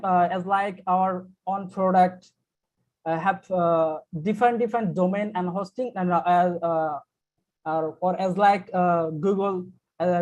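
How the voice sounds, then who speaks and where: Slow halting man with a Bangladeshi accent. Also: high-pitched, dull audio. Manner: slow, searching for words, many fillers. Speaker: meeting attendee asking a question. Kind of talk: halting, hesitant speech. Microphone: video call.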